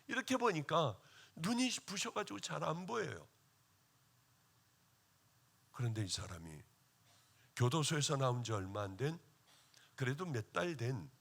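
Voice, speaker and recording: A man preaching a sermon at a revival meeting as pastor, telling a personal testimony with emotional swings between loud exclaiming and hushed tones. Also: on the high side, husky. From Korea.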